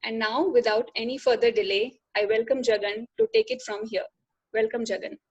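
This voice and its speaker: Higher-pitched woman, hosting. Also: expressive, fairly quick, darkish tone, husky, dull audio. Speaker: webinar host. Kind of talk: prepared introduction.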